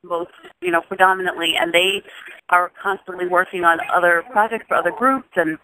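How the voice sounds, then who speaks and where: A woman's voice: on the low side, fairly even intonation, brisk, poor audio. A woman in her thirties, a singer from Jamaica, speaking as an interview guest in a thoughtful, casual way, restarting phrases often. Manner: thoughtful, with frequent restarts and soft laughs.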